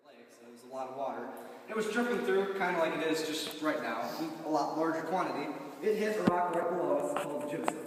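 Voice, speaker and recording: A man's voice: fairly high pitch, lively intonation, fairly quick. A man explaining things casually and jokingly as a tour guide, with cave echo around his voice. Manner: casual, joking, quizzing the group. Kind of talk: informal explanatory tour talk. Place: inside an underground limestone cave. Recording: cave echo, long reverb, distant, noisy.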